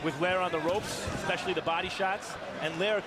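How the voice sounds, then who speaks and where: High-pitched male boxing colour commentator. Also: fairly even intonation, a little fast. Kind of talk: live sports commentary. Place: ringside in an indoor arena. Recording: very noisy arena broadcast.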